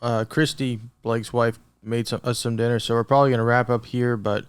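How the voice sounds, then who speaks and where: A man's voice: mid-range voice, level tone, brisk, smooth, no echo. A man hosting a podcast, thinking aloud in a reflective, casual way with fillers. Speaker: podcast host. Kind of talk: casual interview chat.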